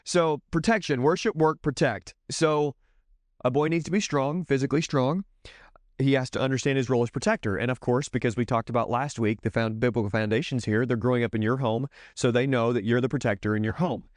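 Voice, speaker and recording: A man's voice: medium pitch, fairly quick, dry recording, studio quality. A middle-aged man talking to other parents in a casual teaching style, earnest and rambling, often stopping to correct himself.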